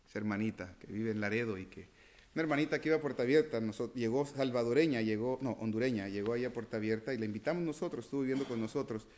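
A man in the role of pastor delivers a sermon to his congregation. His voice sits at an ordinary middle pitch. He swings between raised, insistent questions and soft, almost whispered lines. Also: very fast. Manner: preaches with rhetorical questions, swinging from loud to hushed.

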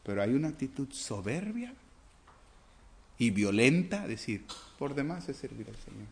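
Man, preacher, sermon, lively rising and falling pitch, rhetorical questions, loud emphasis. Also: moderate pace, vocal fry, a little hiss or hum. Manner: animated, swings between loud emphasis and quiet asides; reads scripture aloud, acting out the dialogue. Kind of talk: sermon with Bible reading.

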